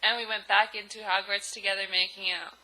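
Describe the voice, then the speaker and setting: A woman's voice: mid-range voice, level tone, brisk, sharp tone, rough recording. A woman giving a comedic dramatic reading of a bad story, breaking off for sarcastic, exasperated asides. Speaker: reader and commentator.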